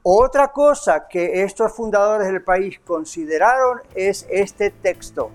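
A man's voice: high voice, animated, slow pace, soft background music. A man preaching an emphatic sermon, addressing listeners in church and on radio, sometimes voicing God's words. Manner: emphatic preaching, speaks as God in quoted lines. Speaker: pastor. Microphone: broadcast on radio and online.

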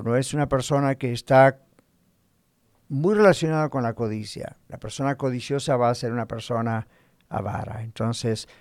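A man preaching a sermon in Spanish, teaching slowly and deliberately, asking his listeners rhetorical questions. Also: medium pitch, a little mellow, no echo, clean studio sound. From Spanish-speaking, living in the United States. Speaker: pastor.

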